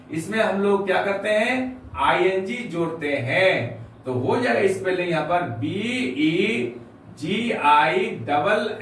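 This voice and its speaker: A man giving a grammar lesson, explaining rules slowly and spelling words out letter by letter. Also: high-pitched, a bit bright. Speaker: English teacher. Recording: echoey room from far off with faint noise.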